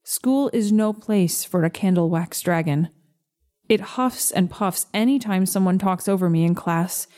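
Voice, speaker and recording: A woman narrating a first-person story in a slow, gentle, measured reading. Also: fairly low pitch.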